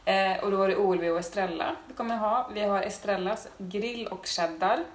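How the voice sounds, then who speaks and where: A Swedish woman hosting a casual chat podcast, relaxed and hesitant with many fillers. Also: medium pitch. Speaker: podcast host. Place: indoor room with rain outside. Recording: roomy room, rain on window.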